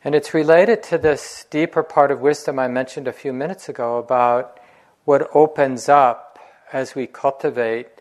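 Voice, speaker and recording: A man gives a dharma talk as a meditation teacher. He tells stories in a relaxed, conversational way, with light laughs now and then. His voice sits at an ordinary middle pitch for a man.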